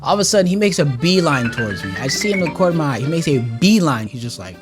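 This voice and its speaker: A man's voice: a little high, big pitch swings, fast, music in the background. A man in his twenties casually telling a rambling, profane storytime tale to camera. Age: 20s. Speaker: vlogger.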